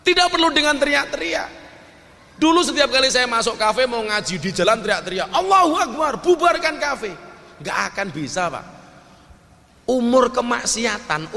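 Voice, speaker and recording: A man with a Javanese accent preaching humorously, telling anecdotes and acting out the dialogue in his stories. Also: extremely high pitch. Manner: lively storyteller acting out dialogue in quoted voices. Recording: long hall reverb, faint background noise.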